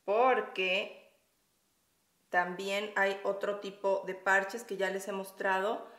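A beauty vlogger in her thirties with a Mexican Spanish accent chats bubbly with viewers while doing her makeup, laughing often. Her mid-range voice is a bit bright, with a flat delivery and slow pace, in an echoey room.

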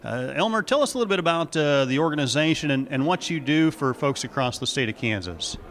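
A middle-aged farm radio host interviews a guest from an indoor office, asking leading questions with frequent "uh" fillers in a friendly broadcaster's manner. His slightly high, a bit bright voice is brisk with lively intonation, recorded on a handheld station mic with a little hiss or hum.

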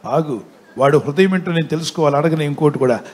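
A man voicing a calm, indulgent God. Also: on the high side, fast talker, pitched below the performer's own voice, close to an everyday voice. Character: patient, wry God speaking to a man.

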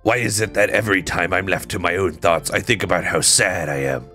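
A man's voice: deep voice, fairly quick, pushed and bright, faint music behind, voice pushed down. A man voicing a lonely, self-deprecating young demon woman in a sulky inner monologue, dubbing a video game. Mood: gloomy, self-pitying. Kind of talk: improvised video game dub.

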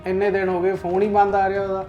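A man as a Punjabi creditor, insistent and quick to anger, high voice, rapid delivery, faint music behind. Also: monotone, lo-fi sound, natural voice. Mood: pleading. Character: aggrieved male businessman, hot-tempered creditor. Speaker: client owed an order. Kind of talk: web drama acting.

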